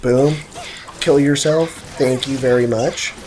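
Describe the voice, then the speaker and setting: Over a noisy background, a young male streamer delivers hyped live gameplay commentary and banters with his viewers, joking and trash-talking with plenty of excitement. His pitch is medium and his pace slow.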